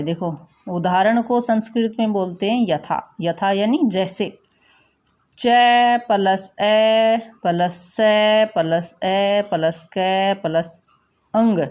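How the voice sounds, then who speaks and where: Slow, patient woman teacher. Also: mid-range voice, a little mellow. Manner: slow, patient explanation with repeated instructions. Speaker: school teacher. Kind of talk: recorded classroom lesson.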